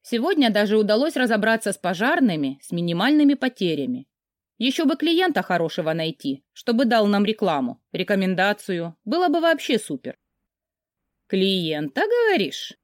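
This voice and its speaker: A woman reads a first-person novel aloud with lively, expressive storytelling. Her voice moves widely in pitch. The recording is close and dry, with no room echo. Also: fairly quick. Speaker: audiobook narrator.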